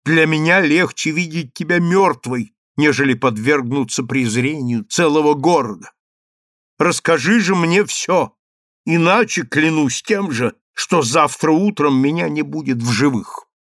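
A man's voice: fairly high pitch, unhurried, fairly bright tone, dry recording, clean studio sound, pitched above the performer's own voice. A man voicing a stern, grieving mother who presses her daughter for the truth in a storybook reading. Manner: stern and insistent. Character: stern grieving mother, commanding then pleading.

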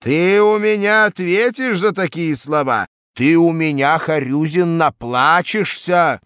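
Man playing a loud, pompous lecturer in a storybook, hemming, bossy, raised pitch, dry sound. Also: smooth, no echo. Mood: angry. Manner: hemming with drawn-out "uh" fillers, bossy. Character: pompous blustering male lecturer, middle-aged.

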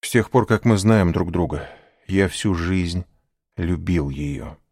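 A man's voice: low voice, slow pace, a little mellow, no room sound, clean studio sound, exaggerated voice. A man voicing a pale, trembling, lovesick young man who speaks in a despairing, grim way.

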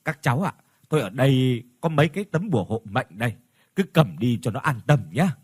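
A teasing old innkeeper who half jokes and half warns, his husky voice rising and falling with lively swings, as a male storyteller puts him on. He sounds dry and close, with no room around him. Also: mid-range voice, a little fast, no echo. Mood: warning. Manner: teasing yet cautioning. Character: elderly male inn owner, half-joking, warning.

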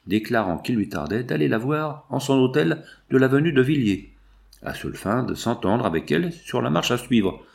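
A man narrating a classic novel as an audiobook in a measured, expressive reading. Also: mid-range voice, creaky.

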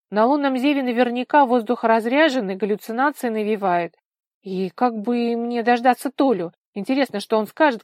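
A woman reading an audiobook voices a jealous, scornful young brunette woman with a shrill, mocking way of speaking. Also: darkish tone, dry recording, clean studio sound, natural voice.

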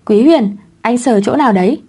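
Woman narrator as a dry, sharp-tongued young wife, mellow steady storybook read. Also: fairly high pitch, moderate pace, slightly rough. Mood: wry.

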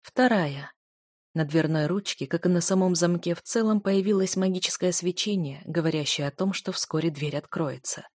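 A woman narrating a first-person romantic fantasy story in a soft, measured way. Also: fairly low pitch, no echo, clean studio sound. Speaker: audiobook narrator.

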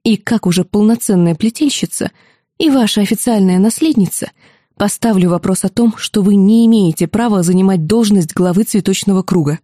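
A woman voicing an angry, proud young woman in a fantasy audiobook, sharp and indignant. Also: medium pitch, fairly quick, no room sound, studio quality, close to an everyday voice.

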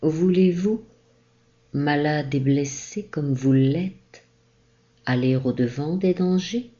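A woman reading a storybook, voicing a gentle, protective doll lady who cradles the wounded hero. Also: rumbling low, lo-fi sound.

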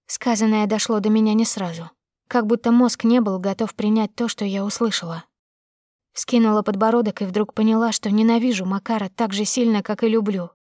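A woman's voice: medium pitch, fairly even intonation, fairly quick, darkish tone, no room sound, studio quality. A woman narrating a dramatic first-person audiobook with tense, emotional storytelling.

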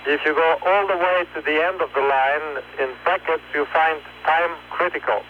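A male ground controller dictating message corrections step by step in a halting, procedural way over a space mission radio link. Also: on the high side, steady tone. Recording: tinny narrowband space radio, hum, noise.

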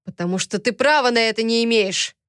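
A cruel, domineering man who snarls his words slowly and heavily, read by a woman narrator in close to her own voice. He is harsh and loud. The recording is dry and close. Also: on the high side, smooth, no room sound, pitched above the performer's own voice, lightly acted. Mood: menacing. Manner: harsh, snarling, slow and menacing. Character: cruel, domineering husband, grown man, furious.

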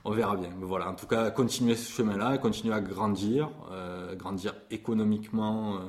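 A man's voice: fairly low pitch, steady tone, moderate pace, a little mellow. A man in his forties, a music publisher, talking with passion about his trade in an interview, with many fillers and restarts. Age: 40s. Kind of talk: interview conversation.

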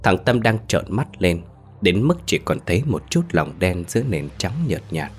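A man narrating a horror story in a slow, ominous storytelling manner. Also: low-pitched, big pitch swings, soft background music.

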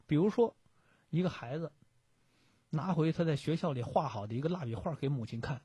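A male radio host, telling a story live in the studio. His voice is husky and sits fairly high, and it sounds dry and close to the mic. He retells the tale in a lively way, full of fillers. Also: a little fast, no echo.

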